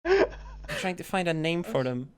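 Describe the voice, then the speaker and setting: A low-pitched woman in casual podcast banter, blunt and sweary. Her voice swings widely up and down as she talks. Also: wildly swooping pitch, measured pace. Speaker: podcast co-host. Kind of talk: casual chat.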